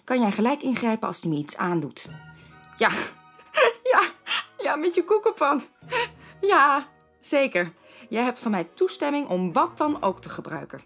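A woman in her thirties with a very lively, wide-ranging voice, playing a mother in film dialogue. She is quick to get indignant, and music plays clearly behind the scene. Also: a little high. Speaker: mother and voice actress.

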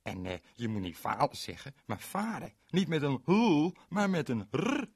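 A man's voice: fairly high pitch, huge pitch swings, unhurried, darkish tone, husky, no room sound, clean studio sound, voice pushed up, exaggerated voice. A man voicing a tired, sulky young boy who has run away from home, in a children's story. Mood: glum.

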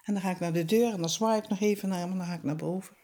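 A woman's voice: fairly low pitch, rapid-fire, dark tone, slight background noise. An older woman, a widow, talking plainly and wistfully in a candid documentary interview, sometimes dropping almost to a whisper. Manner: plain-spoken, wistful, drops to a near-whisper at times.

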